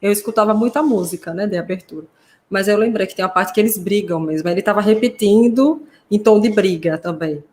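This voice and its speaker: A Brazilian woman hosting a casual interview, affirming her guest and explaining points in a clear way. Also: medium pitch, fairly quick, a little mellow. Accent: Brazilian Portuguese.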